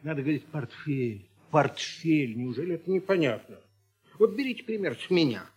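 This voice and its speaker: Husky middle-aged guy playing teacher on kids radio, mock-stern, voice jumps all over. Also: fairly high pitch, sing-song, fast, darkish tone, faint music behind. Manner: mock-stern, ironic lecturing. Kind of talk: scripted children's radio comedy.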